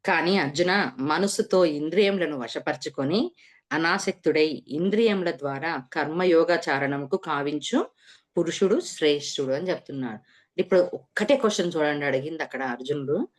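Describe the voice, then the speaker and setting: Low-voiced woman teaching scripture. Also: normal speed. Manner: explains with rhetorical questions. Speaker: spiritual teacher. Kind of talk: scripture lesson.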